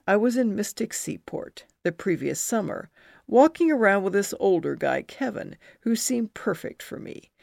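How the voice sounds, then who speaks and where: Middle-aged woman, memoir reader: heavy vocal fry, lively low voice, unhurried, dry close sound. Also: no room sound. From New Jersey. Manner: slow and expressive, swinging into high bursts for remembered feelings. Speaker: memoir narrator. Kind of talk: first-person memoir reading.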